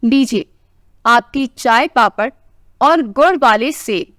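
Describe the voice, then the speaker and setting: A woman's voice: on the high side, slow pace, fairly bright tone, no room sound, studio quality. A woman doing a scolding older wife. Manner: scolding, tart. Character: sharp-tongued older wife, caring underneath.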